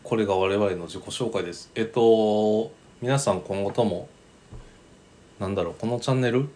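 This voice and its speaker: A man in his thirties with a Kansai accent, co-hosting a casual, unhurried podcast chat and often searching for his words. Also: on the low side. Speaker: podcast co-host. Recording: steady faint background noise.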